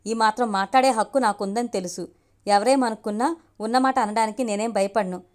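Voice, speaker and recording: A woman voicing a haughty, scornful young woman with a sharp tongue in an audio story. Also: on the high side, a little fast, lightly acted. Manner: taunting, defiant.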